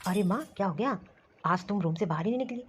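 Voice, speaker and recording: A woman voicing a worried son and scolding husband in an animated story, talking quickly and insistently. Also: mid-range voice, background noise, natural voice. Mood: concerned, scolding. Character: grown son and worried husband, office worker.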